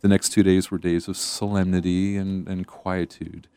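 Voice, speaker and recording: A man's voice: deep voice, flat delivery, normal speed, darkish tone, clear, resonant tone, no echo. A man from western Massachusetts, a regular radio guest and web designer, explaining things in a rambling, casual way with many restarts.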